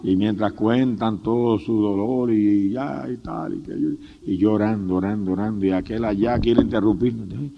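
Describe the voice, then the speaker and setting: A man's voice: fairly low pitch, steady tone, normal speed, vocal fry, few pauses. A man preaching a sermon as pastor, fervent and humorous, breaking in often with praise to God. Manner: humorous storytelling with laughs. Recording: dull lo-fi sermon tape.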